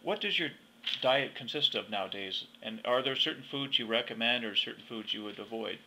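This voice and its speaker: A man's voice: medium pitch, brisk, gravelly, background noise. A man interviewing someone in a conversational style.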